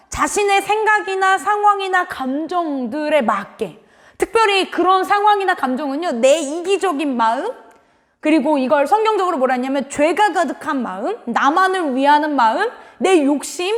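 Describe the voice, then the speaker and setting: A woman gives a children's sermon in a high, very lively voice that jumps up and down as she tells the story. She keeps asking her young listeners questions. Her voice rings with a long reverb through a church hall. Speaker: children's Sunday school preacher.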